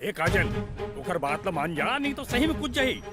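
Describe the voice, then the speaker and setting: An actor playing an anxious, flustered college principal who pleads excitably in a Chhattisgarhi accent. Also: male voice, high-pitched, moderate pace. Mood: pleading. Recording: film audio under music and crowd.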